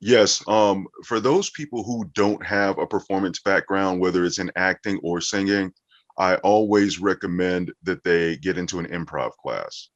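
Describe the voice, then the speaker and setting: A man with a low voice speaks at a normal speed, answering questions conversationally as an interview guest; he's a voiceover actor and coach. The recording has a roomy echo and sounds dull and muffled.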